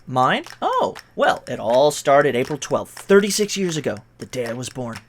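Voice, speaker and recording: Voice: medium pitch, very animated, moderate pace, slight background noise. An actor playing an oblivious, eccentric scientist in their thirties, earnest and theatrical in comic dialogue. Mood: bright, eager. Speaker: actor in a comedy sketch.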